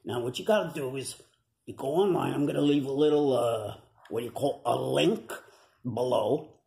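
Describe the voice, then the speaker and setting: A man doing a gravelly New York prairie dog puppet. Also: mid-range voice, moderate pace, dark tone, echoey room, close to an everyday voice. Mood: pleading. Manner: gravelly, chatty tough-guy patter with slang. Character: wisecracking male prairie dog puppet, streetwise hustler. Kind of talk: puppet comedy sketch. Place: home room with a bed.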